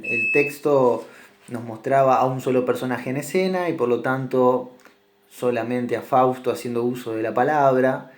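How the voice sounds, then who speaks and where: A middle-aged man giving a recorded literature lesson from his home kitchen, speaking in a measured, reflective way with frequent fillers. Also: mid-range voice, a little mellow. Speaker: literature teacher.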